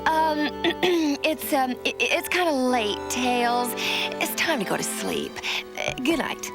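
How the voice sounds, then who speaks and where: Cartoon heroine: a young princess, halting and unsure, slow, over cartoon music. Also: female voice, high-pitched, expressive, heavily acted. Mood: hesitant. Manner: hesitant, halting. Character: young princess heroine, a hesitant impostor robot. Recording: cartoon soundtrack with music behind.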